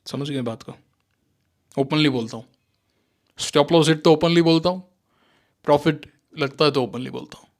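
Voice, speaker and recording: A man teaching stock trading in casual, animated commentary, sarcastic and mocking, with Indian-accented English mixed into his talk. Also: on the high side, moderate pace, long pauses. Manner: sarcastic, mocks listeners in mimicking voices. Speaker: stock market trading educator.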